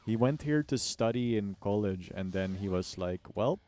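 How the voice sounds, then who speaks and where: With a lowish, mellow voice, an American man talks at a moderate pace and expressively on his game livestream. He jokes in slang and complains in exaggerated mock fashion, music running in the background.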